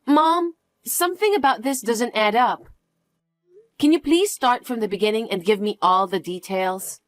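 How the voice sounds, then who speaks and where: A woman's voice: a little high, moderate pace, no echo. A young adult woman narrating a dramatized story, incredulous and questioning as she voices herself.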